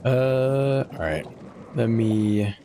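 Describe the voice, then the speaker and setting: A man's voice: mid-range voice, expressive, drawn-out words, warm tone, slight background noise. A man giving casual gameplay commentary as a streamer, informal and slangy, thinking aloud as he goes. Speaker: gaming streamer.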